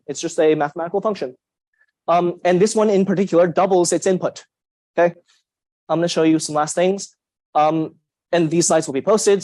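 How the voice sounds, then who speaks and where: A young man lecturing a university class, lively and emphatic, putting questions to the students. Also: on the high side, dry recording, poor audio. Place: lecture hall.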